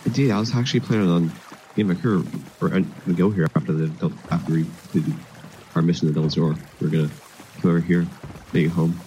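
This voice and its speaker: A man with a very low, mellow voice, telling his pirate tale in a role-play chat. He talks haltingly, stopping and restarting often with fillers. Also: fairly even intonation, a little hiss or hum, poor audio. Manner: halting, hesitant with many fillers.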